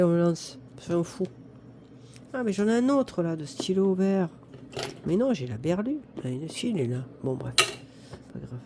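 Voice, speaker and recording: Chatty woman in her fifties, mellow voice. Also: on the low side, a little hiss or hum. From northern France. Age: 50s. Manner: chatty, talks to herself and viewers, counts aloud, self-mocking. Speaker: budget vlogger. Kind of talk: casual talk to camera while doing budget envelopes.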